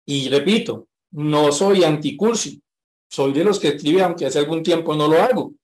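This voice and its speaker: A man preaching a sermon who reads scripture aloud and then explains it frankly, slowing down to repeat a verse with rising emphasis. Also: fairly high pitch.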